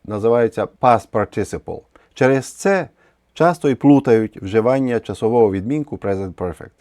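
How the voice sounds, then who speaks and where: Patient male English teacher, mellow voice. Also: mid-range voice, no echo, studio quality. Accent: Ukrainian. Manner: patient, explains step by step with repeated examples. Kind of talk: grammar lesson explanation.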